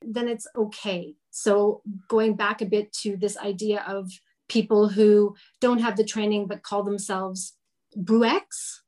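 A woman's voice: mid-range voice, fairly even intonation, takes it slowly, a little mellow. A woman hosting a casual interview, chatty and self-deprecating, thinking aloud as she asks questions. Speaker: interviewer host.

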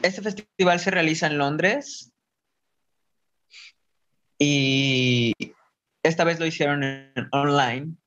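A man's voice: medium pitch, fairly bright tone, muffled recording. A man, acting out his own past thoughts. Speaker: interview guest, burlesque performer and dance teacher. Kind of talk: casual storytelling interview.

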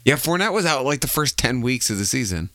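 A man's voice: mid-range voice, big pitch swings, fairly quick, sharp tone, dry recording, clean studio sound. A man casually chatting about football as a podcast co-host.

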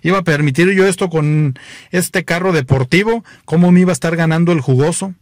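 A young sports-car owner fires off exasperated, disbelieving questions, as a Mexican man telling a joke plays him. He speaks in a fairly high man's voice. The sound is dry and close. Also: fairly quick, dry recording, natural voice. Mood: baffled.

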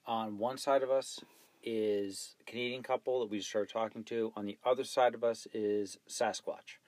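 A man co-hosting a podcast, telling a story in relaxed, wry casual chat. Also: on the low side, normal speed, no echo. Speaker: podcast co-host.

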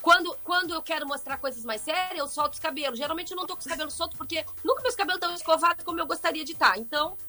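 A middle-aged woman, chatting expressively as an interview guest. Her voice sits high and sounds bright and forceful, and faint music plays softly underneath. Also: racing, few pauses. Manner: expressive, talkative, frequent restarts. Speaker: guest, fashion seller and social media influencer. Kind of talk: animated conversational interview.

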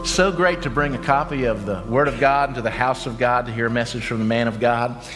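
Animated man in his fifties preaching. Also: medium pitch, music in the background. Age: 50s. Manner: animated storytelling, slows for emphasis. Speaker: pastor. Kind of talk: sermon.

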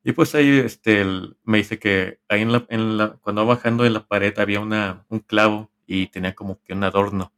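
A man with a Mexican accent tells a story to his friends in a podcast chat. His voice sits a little low. He rambles and stops to find his words, and he drops slang and swearing along the way. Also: fairly even intonation, normal speed, few pauses, a bit bright. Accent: Mexican Spanish. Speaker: podcast co-host. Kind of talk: casual storytelling among friends.

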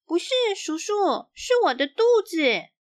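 A woman's voice: high-pitched, big pitch swings, measured pace, voice pushed up. Woman doing a piping little schoolgirl. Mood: earnest. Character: cheerful little schoolgirl with a noisy tummy.

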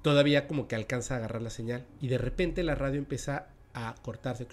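A man's voice: mid-range voice, fast. Mexican male podcast host, dramatic spooky storyteller, mid-range voice. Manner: dramatic, drops to a hushed voice at tense moments.

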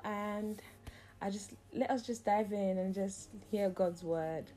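A woman's voice: mid-range voice, darkish tone. Earnest woman teaching a devotional. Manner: earnest, heartfelt, repetitive cadences. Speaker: Bible study host.

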